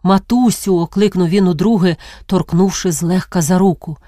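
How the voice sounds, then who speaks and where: Woman reading literary prose, measured. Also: fairly low pitch, no room sound, clean studio sound. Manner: measured, expressive storytelling with drawn-out pauses. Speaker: narrator.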